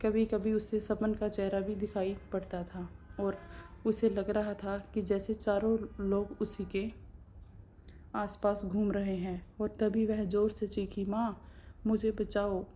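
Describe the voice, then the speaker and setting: A woman narrating a story in a calm, steady reading manner. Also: mid-range voice, measured pace, a little hiss or hum.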